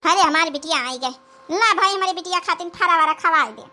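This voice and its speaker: A woman delivers a full character voice, very high and brisk, as a flattering, conniving older mother-in-law from a village in a comedy cartoon. Her chatter is rustic and wheedling, with an Awadhi accent.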